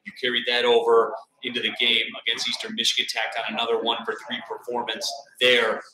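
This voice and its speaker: A young man hosting a sports radio interview live from a bar, upbeat and energetic. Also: medium pitch, crowd noise. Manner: energetic, upbeat, fast bursts. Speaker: radio play-by-play announcer hosting. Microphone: table mic. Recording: roomy bar sound.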